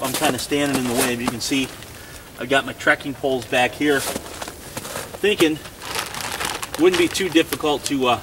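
A man in his forties, relaxed and rambling with many ums and uhs, talking casually about camping in the snowy woods to a camera mic. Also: medium pitch, noisy background. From Michigan, USA. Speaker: outdoor vlogger. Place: snowy woods outdoors, under a tarp shelter.

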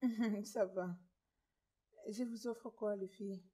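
A woman's voice: mid-range voice, steady tone, takes it slowly, dark tone, slightly rough. A woman dubbing a subdued, sorrowful woman who has lost a pregnancy, in a French film dub.

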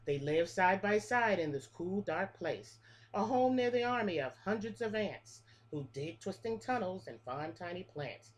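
A middle-aged pre-K teacher with a lowish, animated voice reads a picture book to preschool children a little slowly, in a sing-song rhythm with pauses to explain. The recording comes from a close-range webcam in a small room featuring a classroom wall display.

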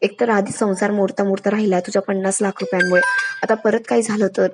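A woman's voice: mid-range voice, level tone, fast, heavy background noise, natural voice. A woman voicing a sulky, demanding pregnant young woman who complains in a whiny way. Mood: complaining.

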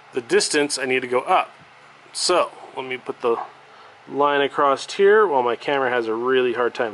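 A man who repairs violins, explaining each step of a workshop tutorial in a relaxed, step-by-step way while working at his bench. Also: medium pitch, a little hiss or hum. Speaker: violin maker.

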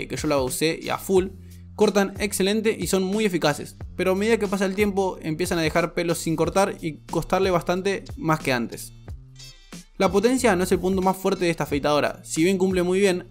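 A man, a barber giving a frank, explanatory voice-over tutorial. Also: sits high. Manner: frank, explanatory, repeats "muy pero muy". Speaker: barber reviewing shavers.

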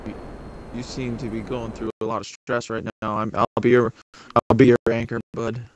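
A man's voice: mid-range voice, level tone, normal speed, a little hiss or hum. A man recording himself gaming with a friend, laid-back and teasing in casual banter.

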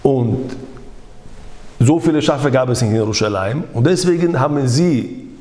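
A rabbi preaching a sermon and telling a story, acting out the dialogue, with frequent halting restarts. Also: male voice, medium pitch, animated, mellow, big-room sound.

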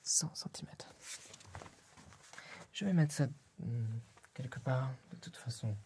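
A young man performs a whispered ASMR roleplay as a polite, fussy tailor attending to a client in a small room set up as a tailor's workshop. Into a close ASMR mic he speaks breathily and hesitantly, slow and with lively intonation, his mid-range voice darkish, with slight background noise.

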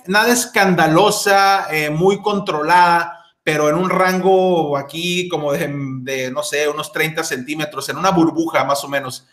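A man's voice: on the high side, fairly bright tone. Chatty man in an echoey room. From Mexico. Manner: chatty, many fillers and restarts. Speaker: fragrance reviewer. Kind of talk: casual spoken review.

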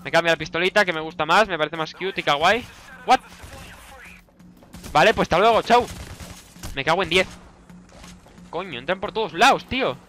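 A young man with a Spanish accent from Spain, giving let's play commentary, excitable and shouting orders at his teammates while swearing constantly. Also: high voice, moderate pace, pauses often, soft background music. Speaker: gaming YouTuber.

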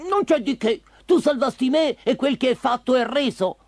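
A man's voice: extremely high pitch, animated, normal speed, no room sound, pitched above the performer's own voice, exaggerated voice. A man voicing a kindly, grateful dog in a children's story. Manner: warm and grateful.

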